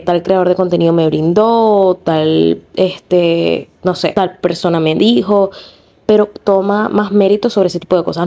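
A woman's voice: mid-range voice, warm tone. A young woman with a Venezuelan accent hosting a casual podcast monologue, chatty and rambling, full of fillers and self-corrections. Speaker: podcast host.

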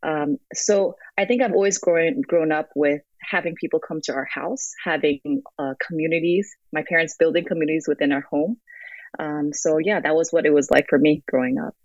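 A woman's voice: deep voice, fairly even intonation, moderate pace, darkish tone, no room sound. Guest, young American woman, reflective, hesitant, over a dull, dry call line. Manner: reflective, frequent ums and restarts. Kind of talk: remote interview. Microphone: phone app call.

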